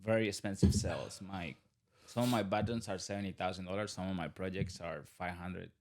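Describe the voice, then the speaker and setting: His voice sits low with a darkish tone, steady and a little fast. He is a Colombian man in his thirties, a Spanish-speaking business owner guesting on a podcast, talking casually with a Colombian accent, rambling, restarting, laughing often.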